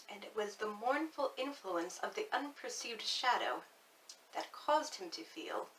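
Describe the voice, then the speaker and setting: A woman giving a dramatic, spooky reading as a nervous, obsessive mad murderer narrating his crime, swinging between hushed and intense delivery. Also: mid-range voice, recorded from a distance, a little hiss or hum, low-quality recording. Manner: theatrical, swinging from hushed to intense, deliberate emphasis. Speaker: storyteller reading a classic horror tale aloud.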